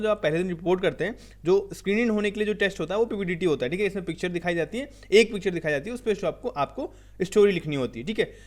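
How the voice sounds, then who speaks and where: Using slides, a high-voiced Indian man prepares viewers for an exam, mixing Hindi with English as he explains each step and frequently ends his sentences with "theek hai".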